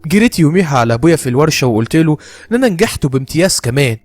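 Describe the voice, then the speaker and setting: A man telling a first-person horror story with an Egyptian Arabic accent, in a low, subdued, heavy-hearted way. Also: very animated, very fast, no echo.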